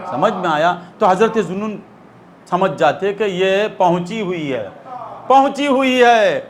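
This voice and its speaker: A man's voice: high voice, animated, slight background noise. A male preacher tells a devotional story in a sermon, often stopping to ask his listeners whether they have understood. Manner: asks the listeners rhetorical check-ins; retells a story with dramatized quotes. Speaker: preacher leading a weekly zikr gathering.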